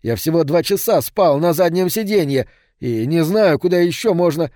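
A male audiobook narrator voicing a desperate young street tough who speaks urgently and roughly. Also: on the high side, animated, normal speed, warm tone, no echo, clean studio sound, voice pushed up, lightly acted. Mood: urgent pleading.

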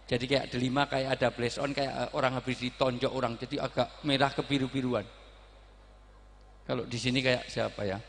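A man giving a humorous sermon, joking and bursting into sudden loud outbursts. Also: mid-range voice, level tone, brisk, gravelly, in a large hall. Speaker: preacher.

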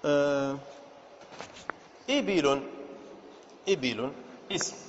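A high-pitched man gives a classroom lesson, repeating each point and quizzing his listeners. He slows right down to spell out words. The recording sounds dull, with a long, echoey room reverb and a faint hiss behind. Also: animated. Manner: explains step by step, repeats, quizzes listeners with questions. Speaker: sheikh teaching Arabic morphology.

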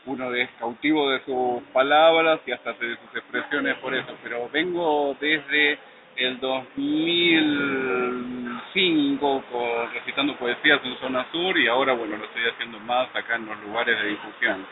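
A man, a poet, speaks reflectively and a little haltingly in a mid-pitched voice. The sound is narrow and phone-like. Clear noise sits behind him. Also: steady tone. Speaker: poet guest. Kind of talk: casual interview.

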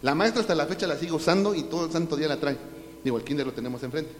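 Man, Mexican Spanish accent, pastor's sermon, fairly high voice, booming then hushed, echoing church hall. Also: racing, slight background noise. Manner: swings from loud preaching to hushed asides. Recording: echoey hall from a distance.

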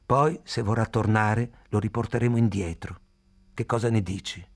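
A man's voice: fairly low pitch, steady tone, moderate pace, lightly acted. A man reading aloud, voicing an elderly grandmother who speaks firmly and persuasively. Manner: firm, persuasive. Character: decisive elderly grandmother, firm and commanding.

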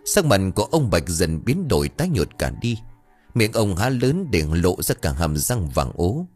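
A man narrating a ghost story in a low voice that swings widely in pitch. His telling is dramatic and expressive. Soft music plays faintly behind him. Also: normal speed, slightly rough.

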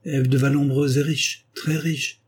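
A man's voice: mid-range voice, little pitch movement, unhurried, a little hiss or hum, voice pushed up, natural voice. Athénaïs, a stubborn old noblewoman, as a man puts her on. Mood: indignant. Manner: haughty, dignified.

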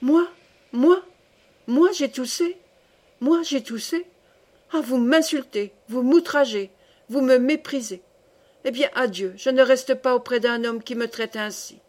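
A woman's voice: on the high side, fairly even intonation, normal speed, hardly any pauses, natural voice. A woman reader voicing an indignant young society woman, with theatrical, outraged exclamations.

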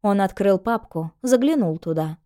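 A woman narrating an audiobook in a calm, even storytelling voice. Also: mid-range voice, normal speed.

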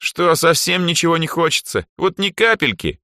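A bubbly teenage drow girl, put on by a man reading a storybook, bouncing high and lively through every line. She teases and pushes in a bright, eager voice. The sound is dry and close. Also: normal speed, no room sound. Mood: cheerful, teasing.

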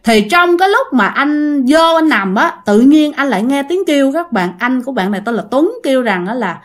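Woman, chatty storyteller, slightly high voice, talks to listeners. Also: animated, a little fast. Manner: chatty, addresses listeners directly, many fillers. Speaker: ghost story teller. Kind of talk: casual spoken storytelling.

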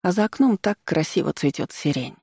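An audiobook narrator reads a comic story in a lively, wry way, at a middle pitch. The sound is close and completely dry, with no room around the voice. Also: brisk, slightly rough, no room sound. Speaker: audiobook reader.

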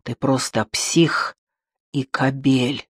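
A man voicing a jealous, hysterical young woman who shouts and then hisses in contempt. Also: little pitch movement, very slow, breathy edge, no echo, studio quality, heavily acted. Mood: contemptuous. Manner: shrill, shouting, then hissing.

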